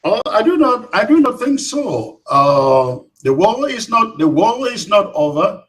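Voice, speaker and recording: A man who is a guest in an interview, speaking in a firm, steady way and restarting phrases. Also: high-pitched, a little slow, rough recording. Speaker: guest, activist. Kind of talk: interview answers.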